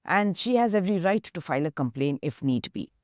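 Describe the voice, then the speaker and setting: A woman's voice: lowish voice, animated, a little fast, a little mellow, dry recording, clean studio sound. A woman with an Indian English accent, an activist guest earnestly retelling a story in an interview and voicing its dialogue.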